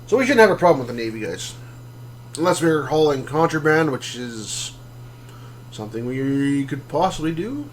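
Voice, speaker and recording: A man's voice: medium pitch, moderate pace, slight background noise. A man streaming a space game, explaining things casually with lots of ums and restarts. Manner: relaxed, rambling explanations with many fillers. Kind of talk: casual gameplay commentary.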